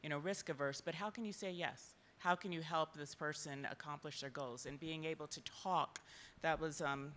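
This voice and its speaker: Panelist, earnest, brisk delivery with deliberate stresses; conference stage. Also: mid-range voice, fairly even intonation, a bit bright, a little hiss or hum. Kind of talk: panel discussion. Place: conference stage, large hall.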